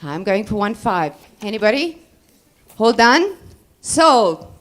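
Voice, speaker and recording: A woman's voice: medium pitch, sing-song, takes it slowly, a little hiss or hum. Female auctioneer, medium register, presents items and repeats bid figures. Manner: repeats numbers while calling bids.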